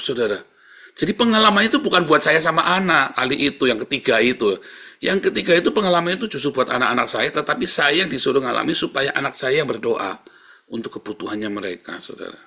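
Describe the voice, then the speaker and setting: A middle-aged man preaching a sermon. He speaks emphatically, calls out to the congregation again and again, and swings between soft murmurs and loud exclaiming. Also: medium pitch, gravelly, slightly rough. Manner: emphatic, keeps calling out to the congregation. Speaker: pastor.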